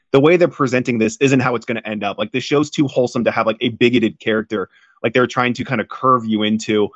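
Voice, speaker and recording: A man co-hosting a podcast, giving measured, thoughtful opinions in casual chat. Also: medium pitch, no echo, muffled recording. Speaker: podcast co-host.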